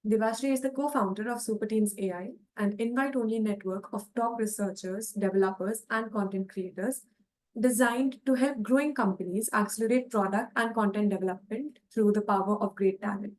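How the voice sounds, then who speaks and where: A woman's voice: medium pitch, fairly quick, a little mellow, poor audio. A woman hosting an online event, reading a scripted, formal introduction of a speaker. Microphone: online call.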